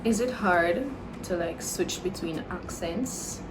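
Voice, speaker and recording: In a very noisy clip, a young woman of 21 with Jamaican and Dominican Caribbean roots talks in a lowish voice, taking her time. Relaxed and chatty, she fields viewer questions for her vlog with lots of "like" and "you know" fillers in her Caribbean English accent.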